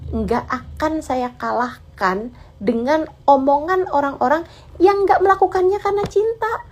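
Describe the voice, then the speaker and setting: A woman preacher giving casual, gentle religious advice to a listener in a conversational way. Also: high voice. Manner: gentle, conversational, often adds filler tags. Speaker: Islamic preacher answering a listener.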